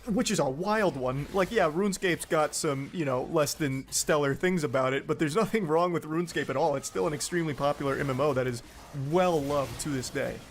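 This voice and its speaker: A man's voice: on the high side, a little fast, a little hiss or hum. A man reading online comment threads aloud and mocking them sarcastically, swearing freely. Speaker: commentary host.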